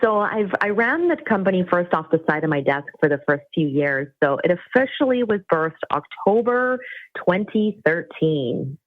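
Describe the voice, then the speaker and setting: Her voice low-ish and animated at a normal speed, a Costa Rican web agency owner steadily lays out her business while answering interview questions. The recording is dry and tinny, like a phone line.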